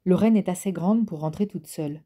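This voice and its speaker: Woman reading as a bitter teen boy, urgent and sharp-tongued, low mellow voice. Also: brisk, natural voice. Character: angry teenage boy, a schoolboy. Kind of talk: audiobook character reading.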